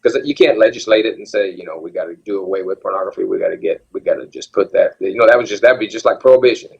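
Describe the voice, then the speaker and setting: A low, gravelly, slightly rough voice belongs to a man in his seventies who talks at a quick pace as an interview guest. He is candid, earnest and reflective, often beginning his sentences again, and the lo-fi recording is dull.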